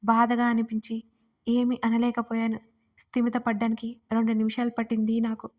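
A woman narrating her own first-person romance story in a steady, intimate reading. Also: a little high, moderate pace. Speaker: writer and narrator.

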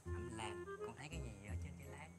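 A middle-aged country father with a Southern Vietnamese accent, folksy and teasing with his child. His voice rises and falls in a lively way, with clear music playing behind him. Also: medium pitch, fast.

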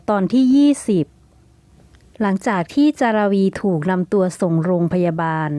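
A woman narrating a story in a calm, even, scripted reading. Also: medium pitch, dry recording.

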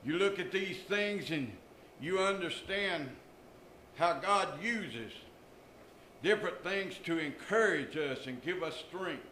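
A man's voice: a little high, expressive, takes it slowly, bright, forceful tone, a little hiss or hum. An older man preaching a sermon from a church pulpit, with emphatic rises and drops in his voice. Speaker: pastor. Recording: echoey church room.

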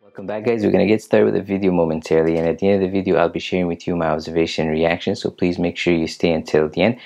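Low-voiced man hosting with halting fillers. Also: steady tone, creaky, dark tone, dull audio. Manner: halting, frequent filler pauses. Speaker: reaction channel host. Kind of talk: casual channel intro. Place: indoor room.

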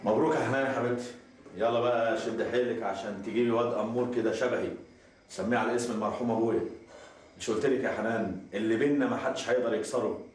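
A man's voice: medium pitch, fairly even intonation, darkish tone, lightly acted. An actor playing a domineering, mocking husband who bullies his wife, in an Egyptian accent. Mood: pleased. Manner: rapid-fire, bullying, mocking. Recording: echoey room, faint hiss.

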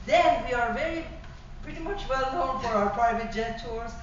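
A middle-aged Iranian woman with a Persian accent and a fairly high voice gives an animated sales presentation on private travel as a tour operator. She gestures as she talks at normal speed, with frequent fillers and restarts. Her audience is small, and a far room camera in a small function room captures her distantly, with echo, dull sound and slight background noise.

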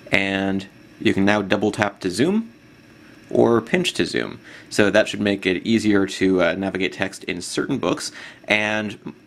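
A man giving a relaxed, casual product demo of an app, with plenty of fillers. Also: low voice, creaky, a little hiss or hum. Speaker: tech blogger demonstrating an app.

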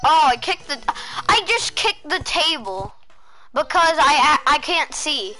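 A high, bright young woman streams a game from a dark room at home, faint music behind her. She bosses and teases her friend in casual chat, exasperated and quick to scold. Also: big pitch swings. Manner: bossy, teasing and exasperated, with frequent "dude" and "literally". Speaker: gaming streamer.

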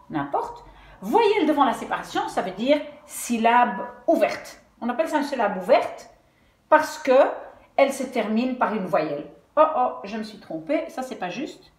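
A woman teaching Dutch spelling, patiently sounding out words syllable by syllable. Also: on the high side. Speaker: language teacher. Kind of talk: explaining Dutch spelling at a whiteboard. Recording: echoey room.

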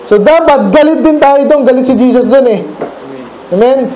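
A man's voice: very high voice, normal speed, warm tone, echoey room, slight background noise, poor audio. A Filipino man preaching a midweek Bible study sermon, talking conversationally and asking the congregation questions. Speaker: pastor. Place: church room.

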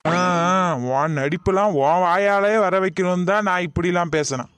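A woman's voice: fairly low pitch, moderate pace, no room sound. A woman with a Kanyakumari Tamil accent acting a comic skit, exclaiming in mock alarm. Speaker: comedy skit creator as daughter-in-law.

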